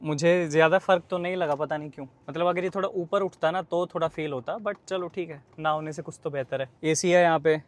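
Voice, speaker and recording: Chatty car-reviewing man, higher voice. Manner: chatty, explains features quickly to viewers. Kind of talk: casual walkaround and driving review. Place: inside a car.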